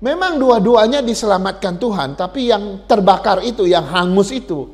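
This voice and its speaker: A man's voice: high-pitched, lively intonation, normal speed. A male pastor giving a sermon in a conversational style, often turning to address the congregation directly.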